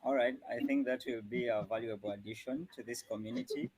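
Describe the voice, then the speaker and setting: A man's voice: mid-range voice, sing-song, fairly quick, creaky, a little mellow, rough recording. A man hosting a live youth call-in, hesitant with many fillers.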